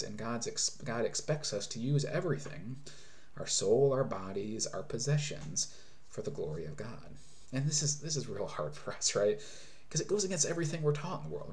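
Speaking in a medium-pitched, slightly mellow voice, this thirtysomething pastor delivers a heartfelt sermon from a small home room. He frequently starts phrases over while explaining, and a webcam at desk distance records him.

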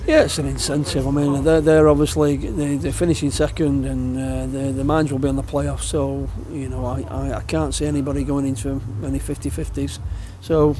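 An older man, a football manager, giving a post-match interview in an empty outdoor stadium stand, halting and repeating his words. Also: mid-range voice, little pitch movement, crowd noise.

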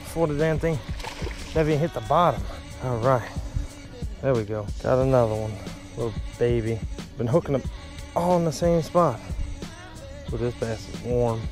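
Fishing along a windy lake, this man rambles casually to the camera and mutters to himself as he casts. His medium-pitched voice keeps a moderate pace with frequent pauses, recorded on an action camera worn on his head and held in hand, with music playing underneath.

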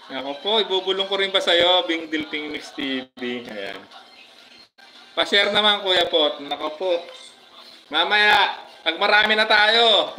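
A man with a Filipino accent, chatting casually on a live stream, giving viewers shoutouts with many fillers. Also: high-pitched, poor audio. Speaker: livestream vlogger.

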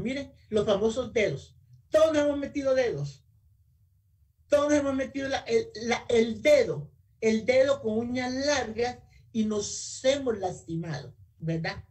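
A woman giving a health talk as a guest speaker in a webinar. She is animated, talks straight to her listeners and asks for the next slide. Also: mid-range voice. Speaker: guest speaker, audiology technician. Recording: voice a bit far from the mic.

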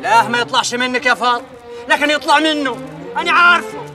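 A man's voice: very high-pitched, quick pace, music in the background. A man playing a stern, self-righteous village sheikh in a TV drama, speaking. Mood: reproachful. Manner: reproachful, insistent. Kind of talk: television drama acting.

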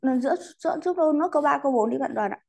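Female teacher, slightly high voice, courteous and patient, mixes English into class talk. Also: animated, rapid-fire, creaky, warm tone. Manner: polite, patient, adds courteous particles to most sentences; mixes English words into explanations. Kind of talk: online class lesson.

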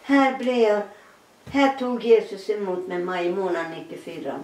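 Livlig kvinna som berättar i ett ekande rum. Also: female voice, medium pitch, reverberant, recorded from a distance, poor audio. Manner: animated storytelling, acting out quoted dialogue with laughter. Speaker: interviewee. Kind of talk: personal testimony in an interview.

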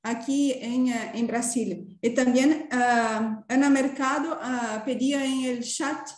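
A woman in her thirties with a Brazilian accent, Portuguese being her native language, presents a seminar as an academic speaker and searches hesitantly for words. She speaks slowly in a high-sitting, darkish voice with fairly even intonation. The video call is recorded in an indoor room and sounds roomy and echoing.

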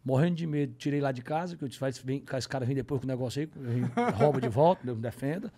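A young man with a Ceará accent, a comedian telling an anecdote on a podcast in casual, animated style, acting out the voices of others. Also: medium pitch, fast talker. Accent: Northeastern Brazilian, Ceará. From Ceará, Brazil. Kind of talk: casual storytelling. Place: podcast studio.

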